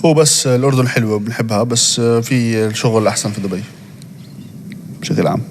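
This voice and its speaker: A man's voice: medium pitch, fairly even intonation, brisk, a little hiss or hum. A man, a guest in a casual interview, speaking in an easygoing way with short interjections.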